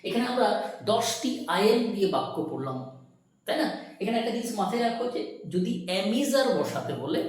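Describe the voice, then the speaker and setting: A woman teaching a classroom grammar lesson, drilling example sentences slowly and asking pupils to repeat after her. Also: fairly high pitch, big pitch swings, darkish tone, recorded from a distance. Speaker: English teacher. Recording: very echoey room, voice off-mic.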